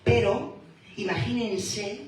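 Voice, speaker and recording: A woman preaching a sermon in a church, slow and emphatic, rising to fervent calls. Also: fairly high pitch, a little mellow, slight background noise. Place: church hall. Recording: echoey hall, voice from far off.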